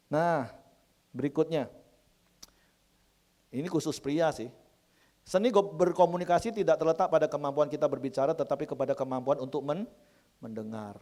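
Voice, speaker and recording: A man preaching a lively, humorous sermon, often addressing the congregation and acting out quoted couples. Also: on the high side. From Sumatra. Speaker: pastor.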